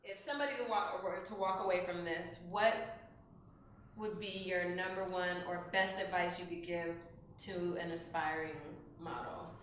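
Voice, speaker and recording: A woman interviewing a guest casually, dropping quick affirmations as he talks. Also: lowish voice, fairly even intonation. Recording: echoey room, distant mic, faint noise.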